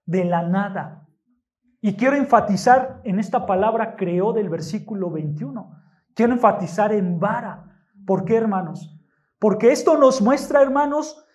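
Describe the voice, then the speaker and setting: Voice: mid-range voice, a little mellow. A preacher delivering a sermon to a congregation, stressing key words and asking rhetorical questions. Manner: emphatic, rhetorical questions, addresses congregation often. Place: church.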